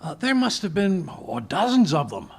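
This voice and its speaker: Blustering, creaky-voiced Doctor Watson. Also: male voice, sits high, huge pitch swings, heavily acted. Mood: doubtful, blustering. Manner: hesitant, blustering, drawn-out. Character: blustering, bemused English gentleman doctor, detective's loyal companion. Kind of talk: old-time radio drama acting on stage. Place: live stage performance at a conference. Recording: noisy live stage recording.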